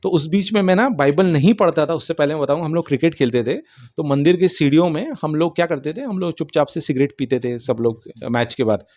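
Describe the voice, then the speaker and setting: A man giving a personal testimony in an animated way, acting out the dialogue. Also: a little high, fast talker. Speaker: testimony speaker.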